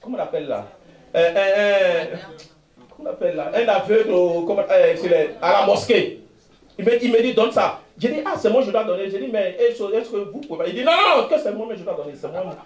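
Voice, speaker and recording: Animated preacher with an echoey high voice. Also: male voice, brisk. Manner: animated storytelling, frequent "frères et sœurs" addresses, laughs and shouts. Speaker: pastor. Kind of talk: sermon with personal testimony. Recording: echoey room.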